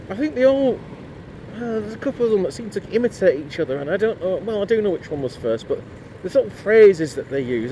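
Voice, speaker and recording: A man's voice: on the high side, a little mellow. A middle-aged man from Lancashire with a Northern English accent, a motorcycle vlogger rambling bluntly while riding outdoors in the cold. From Lancashire, England. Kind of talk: casual talk while riding. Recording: faint road and traffic noise.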